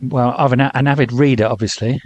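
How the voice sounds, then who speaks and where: A man co-hosting a podcast in a studio, chatting casually and tossing in quick jokes. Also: mid-range voice, steady tone, muffled recording. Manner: jokey, tossing in quick quips. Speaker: podcast co-host. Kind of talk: casual chat.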